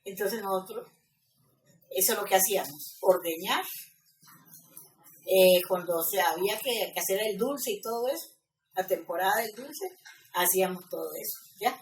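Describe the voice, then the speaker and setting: A woman's voice: medium pitch, normal speed, pauses often, a little hiss or hum. A woman in her seventies with a Guanacaste Costa Rican accent, recalling her youth on a ranch in a conversational documentary interview. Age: 70s. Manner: reminiscing, conversational, checks in with "¿ya?". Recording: roomy, distant mic with music underneath.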